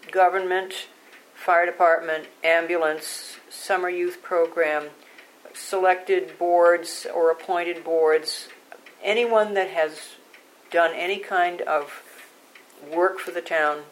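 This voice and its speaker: An older woman being interviewed for an oral history, recollecting in measured, halting short phrases. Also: on the low side, rough recording.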